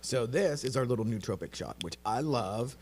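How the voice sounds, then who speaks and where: A man's voice: medium pitch, expressive, normal speed, a little mellow, a little hiss or hum. A man hosting a live stream in casual chat, joking and self-deprecating. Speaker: host.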